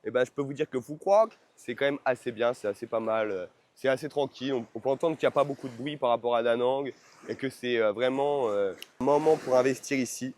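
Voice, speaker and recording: A vlogger and online course seller talks to his followers during a travel vlog in a mid-range, darkish voice, going a little fast. He keeps it slangy and informal, repeating phrases to stress them, and the on-location audio is noisy.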